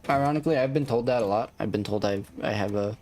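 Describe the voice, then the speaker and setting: A live streamer plays a factory-building game, chatting and thinking aloud in a laid-back, rambling manner. His soothing voice sits on the low side, a little mellow, and he talks quickly. Background noise is clearly audible behind him.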